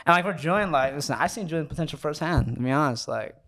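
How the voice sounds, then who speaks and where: A young man co-hosting a podcast in casual chat, animated as he hypes up stories. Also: fairly high pitch, quick pace, crowd noise. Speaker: podcast co-host.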